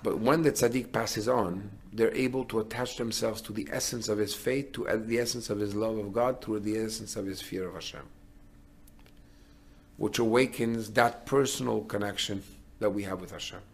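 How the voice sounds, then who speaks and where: A man's voice: fairly low pitch, steady tone, normal speed, husky. A middle-aged man, a rabbi, giving a sermon in an earnest way, building to emphatic declarations.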